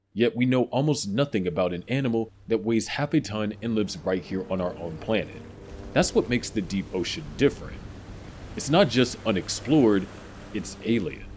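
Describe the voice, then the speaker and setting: A man narrating a scripted nature documentary in a dramatic, measured, explanatory way. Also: on the low side, a little mellow, a little hiss or hum. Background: music bed.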